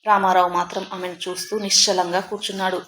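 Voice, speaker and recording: Woman storyteller, scripted narration, calm and measured, faint background noise. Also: fairly low pitch.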